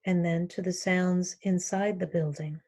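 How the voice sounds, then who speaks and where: A woman with a lowish voice teaches yoga nidra, guiding a relaxation meditation through calm, short phrases and long silences.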